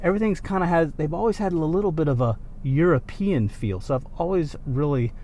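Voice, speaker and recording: A man with a somewhat higher, mellow voice gives a casual car review a little fast, conversational and opinionated, repeating words for emphasis. Captured on binaural microphones in and around the car, the recording has noticeable background noise from the car and surroundings.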